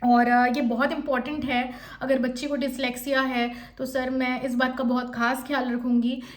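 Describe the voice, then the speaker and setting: A young woman teacher who speaks fast, coaching interview candidates and modelling sample answers in an explanatory lesson. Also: sits high, level tone. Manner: fast-talking, admits speaking quickly.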